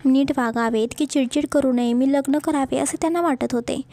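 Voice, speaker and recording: A woman's voice: high-pitched, fairly quick, mellow. A woman voicing a playful, doting young husband in a romance story. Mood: tender. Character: young husband, teasing and affectionate.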